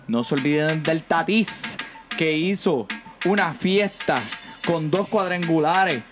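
A man hosting a casual sports podcast from home, energetic and teasing as he rattles off stats. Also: on the high side, takes it slowly. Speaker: podcast host. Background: music bed.

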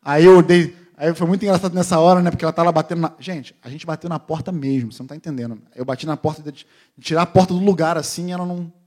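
A middle-aged man preaching a sermon, telling a family story with lively storytelling and acting out the voices of his family. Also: fairly high pitch, quick pace.

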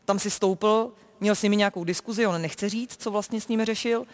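A woman talking as a sports reporter in a football discussion, animated and emphatic. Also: mid-range voice, big-room sound.

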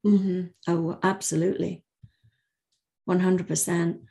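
A woman in her sixties, a life coach, telling her story in a relaxed, reflective interview. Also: lowish voice, takes it slowly, creaky. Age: 60s. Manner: warm, reflective storytelling with frequent laughter. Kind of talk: conversational interview.

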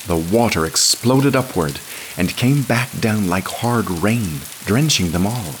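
Deep-voiced man reading a story slowly. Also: slight background noise. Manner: measured, expressive reading. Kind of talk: scripted story narration.

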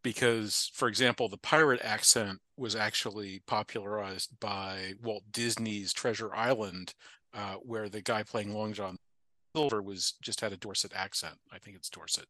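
A man's voice: lowish voice, fairly even intonation, normal speed, bright, forceful tone, no room sound. A man from the Appalachian United States, a podcast guest talking casually, thoughtful and digressive with frequent restarts. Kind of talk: casual conversation.

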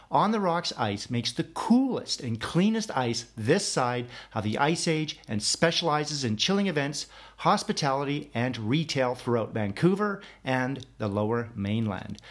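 Male podcast host, mid pitch, formal read-aloud intro, interview questions. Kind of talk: interview hosting with scripted intro.

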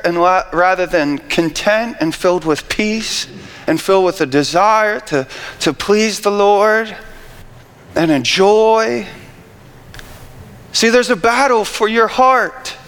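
High-voiced man preaching in a hall. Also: clear, resonant tone. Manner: preaching with rising shouted emphasis and repeated phrases. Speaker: pastor. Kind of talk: sermon. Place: church sanctuary with congregation. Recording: reverberant church hall, faint ambience.

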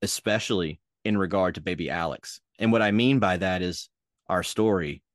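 A young man with a Minnesotan accent, hosting a casual history podcast as a lively storyteller with jokey asides. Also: low voice, moderate pace, dry recording, studio quality. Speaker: podcast host.

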